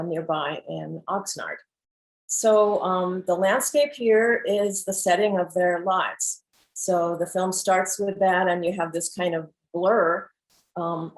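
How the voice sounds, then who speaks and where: Woman filmmaker, lowish voice, hesitant, lots of fillers, heard over a video call. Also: low-quality recording. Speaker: filmmaker presenting her work. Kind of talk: hesitant art-talk presentation.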